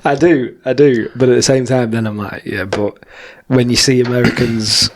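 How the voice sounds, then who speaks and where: A man's voice: medium pitch, fairly even intonation, moderate pace. An easygoing young man with a mid-range voice, chatting over drinks on a podcast. He rambles through his thoughts, swears casually and laughs a lot. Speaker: podcast co-host.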